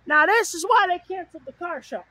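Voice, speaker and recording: A woman giving excitable live storm-chasing commentary in short, repeated exclamations. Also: extremely high pitch, fairly quick. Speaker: storm chaser livestreaming. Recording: noisy outdoor recording with rain and wind.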